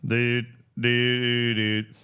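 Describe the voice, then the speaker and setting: A man hosting a casual gaming livestream, chatting playfully with viewers and giving exclamatory, jokey shout-outs. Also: mid-range voice, completely flat delivery, very slow, smooth. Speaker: live streamer host.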